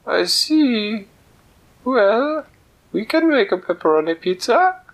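A man doing a shrill falsetto goose cook. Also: big pitch swings, slow, heavily acted. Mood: chirpy. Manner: shrill falsetto, sing-song. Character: fussy high-voiced female goose cook.

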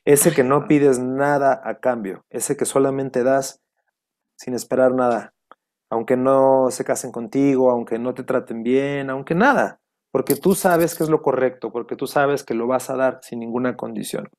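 Guy telling a heartfelt story, mellow warm voice, reflective. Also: medium pitch, fairly even intonation, normal speed. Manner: heartfelt, reflective, quoting past conversations. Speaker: guest. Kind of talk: personal storytelling.

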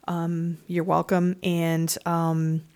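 A woman's voice: lowish voice, monotone, very slow, darkish tone. A woman in her forties from Michigan hosting a casual solo podcast, frank and self-deprecating, swearing freely. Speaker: podcast host and author.

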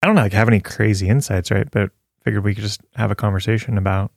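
A man's voice: lowish voice, fairly even intonation, fast talker, gravelly, no echo, studio quality. A man co-hosting a casual faith talk, reading scripture aloud and chatting earnestly with many fillers and easy laughs. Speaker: podcast co-host sharing a devotional.

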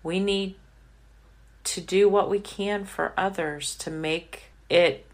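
A woman's voice: fairly low pitch, slow. A woman co-hosting a faith-based podcast, talking in an earnest, reflective, casual way. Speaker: podcast co-host.

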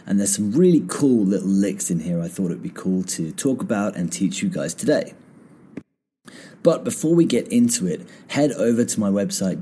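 This guitar teacher and podcast host has a deep voice, slightly croaky after singing. He explains finger positions in a relaxed, step-by-step manner during a casual lesson, playing guitar between phrases.

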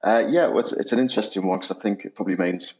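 A man around forty with a Sunderland twang speaks in a very low voice. He talks reflectively, as a guest in conversation, and the audio is a little dull and lo-fi. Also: very fast, a little mellow. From Sunderland, North East England. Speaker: podcast guest, housing operations head. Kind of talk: conversational interview answers.

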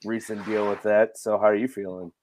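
A hoarse, raspy man whose voice goes in and out, hosting a casual live fishing show. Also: fairly low pitch, little pitch movement, brisk, a little mellow. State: hoarse, voice cutting in and out from losing it. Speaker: podcast host.

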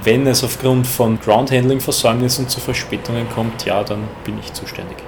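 Gravelly Austrian man explaining, noisy background. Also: medium pitch, steady tone, a little fast. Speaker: interviewed airport ground handling manager. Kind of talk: explanatory interview answers.

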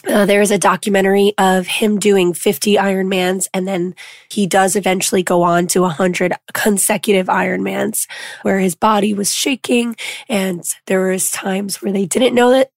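A woman podcast host with a hoarse, worn-out voice gives an informal, halting introduction. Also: medium pitch, level tone, no echo, studio quality. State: hoarse, lost voice.

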